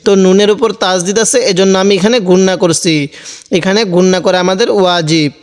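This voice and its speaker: High, smooth-voiced man teaching recitation. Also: fairly even intonation, in a large hall. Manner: slow, repetitive, patient step-by-step drilling. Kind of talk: spelling-out recitation lesson.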